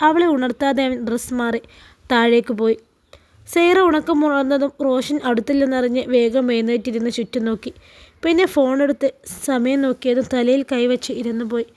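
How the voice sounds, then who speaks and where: A woman from Kerala reading a romance story aloud as narrator, in a calm, even storytelling manner. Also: sits high, normal speed. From Kerala, India.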